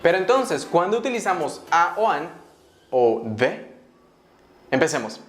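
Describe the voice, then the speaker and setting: Low-voiced woman teaching English, roomy room. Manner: lively, bursts up high on questions and calls to attention; slows down to spell out English example words. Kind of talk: video English lesson for Spanish speakers. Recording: roomy sound with soft background music.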